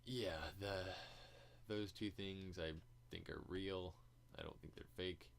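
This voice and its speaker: A man's voice: deep voice, steady tone, slow pace, creaky, a little hiss or hum. A man hosting a podcast, talking casually in a rambling, hesitant way with frequent swearing. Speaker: podcast host.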